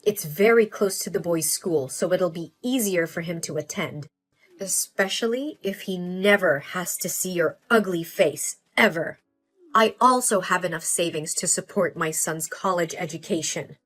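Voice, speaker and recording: An actress playing a devoted mother and fed-up wife who stands up to her husband in a calm, measured way. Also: lowish voice, soft background music. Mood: firm. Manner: calm, measured, quietly defiant.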